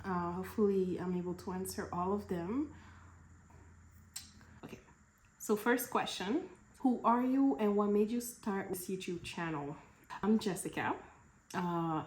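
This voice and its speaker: A young woman from Cameroon answering questions in a relaxed, chatty vlog, laughing between answers. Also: mid-range voice, roomy sound, slight background noise. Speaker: vlogger. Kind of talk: casual Q&A vlog.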